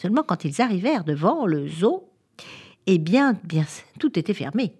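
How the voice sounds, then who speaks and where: A woman storyteller reading a tale aloud in a lively way, speaking directly to her listeners. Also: lowish voice, moderate pace, husky.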